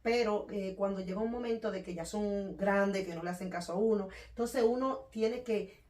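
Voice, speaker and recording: A woman from the Dominican Republic with a Dominican accent, talking loudly and quickly in a casual conversation about faith and handling anger. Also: medium pitch. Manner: loud, fast, animated talker. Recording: echoey room, voice from a distance.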